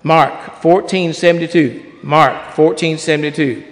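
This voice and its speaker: Hoarse folksy preacher in a reverberant hall. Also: male voice, a little high, steady tone, a little slow, slight background noise. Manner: folksy, rambling, reads scripture aloud. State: hoarse, losing his voice. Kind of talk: sermon. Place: church before a congregation.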